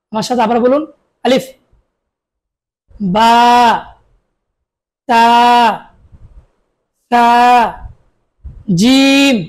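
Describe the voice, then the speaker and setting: Female Quran teacher, high-pitched and unhurried, drills letters call-and-repeat. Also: darkish tone. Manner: slow, repeats each letter for learners to echo. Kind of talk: online recitation lesson.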